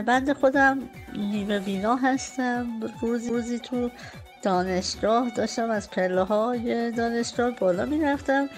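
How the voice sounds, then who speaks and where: A woman telling a gentle, wry personal anecdote after festive greetings. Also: a little high. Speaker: storyteller sharing a memory.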